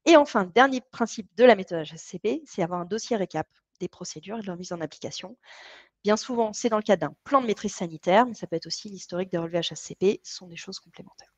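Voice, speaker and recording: A woman of middle pitch leads an online training session. She explains things in a chatty, friendly-paced way, often pausing on fillers as she goes. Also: animated. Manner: chatty and explanatory, with frequent hesitations. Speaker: co-founder and trainer.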